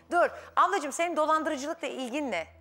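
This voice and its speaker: A middle-aged woman hosting a daytime talk show, asking probing questions and calming guests down. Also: sits high, measured pace. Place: TV studio.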